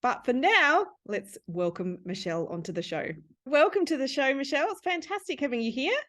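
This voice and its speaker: A woman's voice: high-pitched, very animated, a little fast, fairly bright tone. Upbeat woman hosting a podcast. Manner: upbeat and encouraging, lifts her voice when greeting. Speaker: podcast host. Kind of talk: podcast interview.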